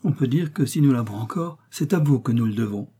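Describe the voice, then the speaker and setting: A man's voice: medium pitch, lively intonation, brisk, dark tone, slightly rough. A man doing a grateful young mother. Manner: thankful, simple. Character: grateful young working-class Parisian mother. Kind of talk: audiobook character voice.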